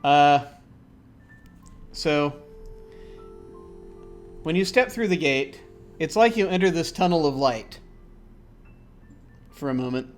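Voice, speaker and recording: A man running a tabletop game as game master, describing scenes with frequent pauses and restarts. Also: fairly high pitch, animated, soft background music. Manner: hesitant, many fillers and restarts.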